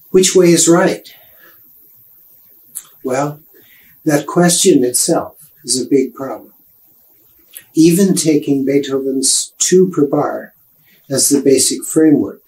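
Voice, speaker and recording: An older man, a piano professor, giving a measured, explanatory music lecture. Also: medium pitch, a little mellow, low-quality recording.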